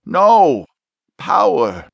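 A man voicing a cornered, pitiful male demon spirit in an audiobook, speaking in slow, labored phrases. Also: medium pitch, very animated, no echo, muffled recording. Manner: slow, labored, pleading speech. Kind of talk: audiobook character voice.

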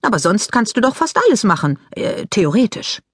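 A woman's voice: mid-range voice, big pitch swings, moderate pace, breathy edge, no echo, clean studio sound, pitched above the performer's own voice. A woman voicing an emotional teenage girl in an audiobook, pleading and upset. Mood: distraught. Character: upset teenage girl, ballet dancer on crutches.

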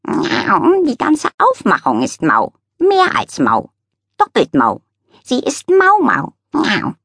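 A woman reading an audiobook, voicing a snooty, affected female cat with a high, drawn-out voice. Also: huge pitch swings, vocal fry, fairly bright tone, slightly rough, no echo, clean studio sound, exaggerated voice. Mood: disdainful.

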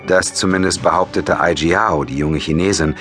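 Very low male voice, audiobook narration, faint music behind. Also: steady tone, normal speed. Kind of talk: scripted narration.

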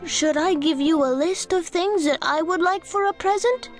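A woman voicing a polite little girl who loves books, speaking with wide-eyed excitement in a storybook. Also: very high-pitched, normal speed, soft background music, voice pushed up. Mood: delighted.

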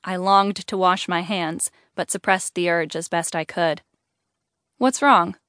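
A woman narrating a first-person audiobook in an even, clear storytelling manner. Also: lowish voice, a little slow, no room sound, studio quality.

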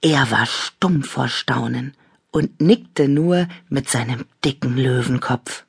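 A woman, the author, calmly and expressively narrating a children's audiobook. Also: extremely low pitch, slow, creaky, breathy edge, no echo, studio quality. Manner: calm, storytelling, expressive. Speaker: author reading her own book.

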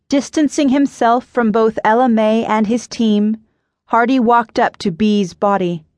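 A woman narrating an audiobook in a measured, even storytelling manner. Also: on the high side, no echo.

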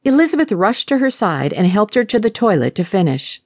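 Expressive woman audiobook narrator. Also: mid-range voice, a little fast, no room sound, clean studio sound. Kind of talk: scripted narration of a romance audiobook.

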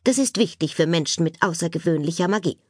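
A woman's voice: fairly low pitch, quick pace, husky, dry recording, studio quality. A woman reading an audiobook, voicing a strict but kindly female schoolteacher who lays down rules firmly. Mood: instructive. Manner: firm, instructive. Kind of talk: audiobook character voice.

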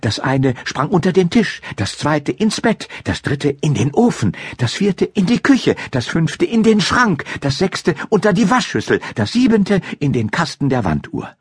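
A man narrating a fairy-tale audiobook in a dramatic, expressive storytelling style. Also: fairly high pitch, a little slow, hardly any pauses, slightly rough, dry recording, clean studio sound. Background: classical music.

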